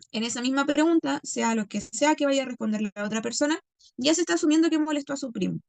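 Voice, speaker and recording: A woman teacher reviewing a class lesson, checking in constantly with "¿ya?" and "¿cierto?" and pausing on many fillers. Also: fairly high pitch, vocal fry, a little mellow, no echo. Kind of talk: recorded class review lecture.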